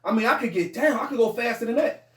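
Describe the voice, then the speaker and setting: A man who raps, talking in a casual podcast chat. He is animated and profane, laughs often and restarts his sentences a lot. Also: very high voice, fast talker, distant mic. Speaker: rapper and podcast guest. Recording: roomy, off-mic, faint noise.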